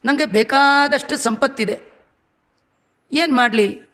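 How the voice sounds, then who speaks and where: Man putting on a sorrowful childless king, slow pleading lament, high voice, hall echo. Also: pushed and bright, heavily acted. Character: grieving childless old king. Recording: echoey hall.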